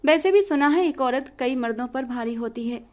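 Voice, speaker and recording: A woman's voice: high-pitched, expressive, moderate pace, a little mellow. A woman voicing a ruthless, vengeful young male landlord in a storybook reading, with a menacing, commanding delivery. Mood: cruel, threatening.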